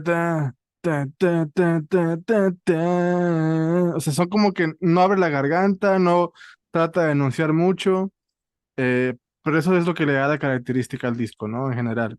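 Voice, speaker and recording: Mexican man, playful host, mid-pitch, dry close mic. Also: no room sound. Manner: playful, slangy, leading the talk. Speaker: podcast host. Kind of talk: casual panel chat.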